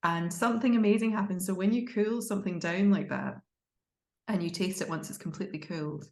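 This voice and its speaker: A woman's voice: lowish voice, a little fast, a little mellow, echoey room. A woman with a Glaswegian Scottish accent chatting enthusiastically and expressively as an interview guest. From Glasgow, Scotland. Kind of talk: casual conversational interview.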